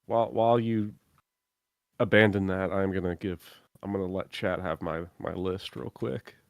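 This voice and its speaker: A man's voice: sits low, fairly even intonation, moderate pace, gravelly, no echo, studio quality. Chatty man rambling about games. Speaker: guest co-player. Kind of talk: casual let's-play chat. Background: game music.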